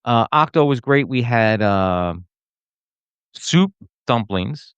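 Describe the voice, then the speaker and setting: A man co-hosting a podcast, telling a ranting story in casual chat and mimicking people in high voices. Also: lively intonation, takes it slowly, fairly bright tone, clear, resonant tone, no echo, muffled recording. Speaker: podcast co-host.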